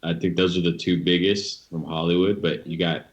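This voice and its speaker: A man's voice: low voice, flat delivery, normal speed, a crowd in the background. A man co-hosting a casual live-stream chat, blunt and swearing freely. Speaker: co-host.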